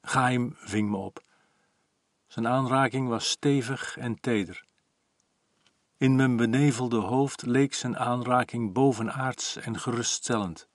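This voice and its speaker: Calm middle-aged man reading a story. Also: medium pitch, slow pace, dry recording, clean studio sound. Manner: calm, even, reflective. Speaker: audiobook narrator. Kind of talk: first-person audiobook reading.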